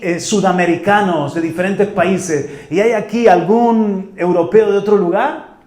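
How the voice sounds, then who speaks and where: High-voiced man preaching in echoey hall. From Spain, Murcia. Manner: animated preaching, builds to loud exclamations. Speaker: pastor. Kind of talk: sermon.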